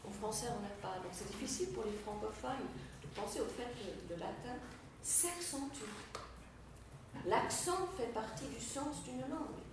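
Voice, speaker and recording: A woman's voice: fairly high pitch, animated, normal speed, noisy background. A woman lecturing on a language, explaining patiently with frequent hesitations and filler sounds. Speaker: Latin teacher. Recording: echoey room, voice from a distance.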